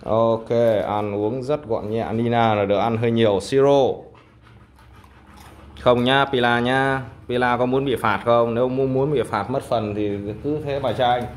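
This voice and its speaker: A man's voice: mid-range voice, fairly even intonation, measured pace. A man chatting casually to his pet dogs and to viewers, coaxing them and calling out short commands, recorded on a handheld phone in a room at home. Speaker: dog owner and vlogger. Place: indoor tiled room at home. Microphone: handheld phone behind the camera. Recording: home phone recording with clear background noise.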